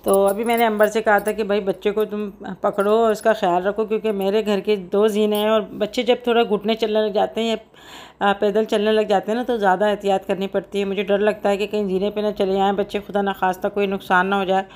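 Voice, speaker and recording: A woman's voice: medium pitch, little pitch movement, brisk, a little mellow. A middle-aged woman chatting casually in her home cooking vlog, rambling along with lots of fillers. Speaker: cooking vlogger.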